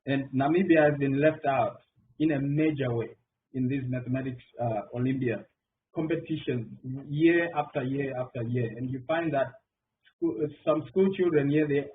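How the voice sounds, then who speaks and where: Recorded from a distance over phone-like online call audio with faint noise, a middle-aged man from Zimbabwe answers at a round table. He is a mathematician on the panel, with a mid-range voice and moderate pace, and he talks with many fillers and restarts.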